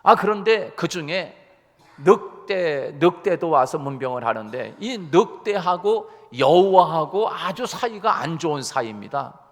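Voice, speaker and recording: A male pastor preaching a Sunday sermon, telling a story in an animated way and slowing down for emphasis. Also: on the high side, long reverb tail. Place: church sanctuary.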